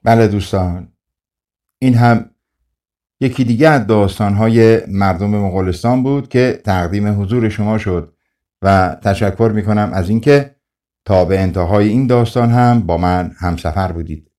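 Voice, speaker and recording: Low-voiced man telling folk tales. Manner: calm, friendly storyteller addressing listeners. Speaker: audiobook narrator. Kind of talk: storytelling narration.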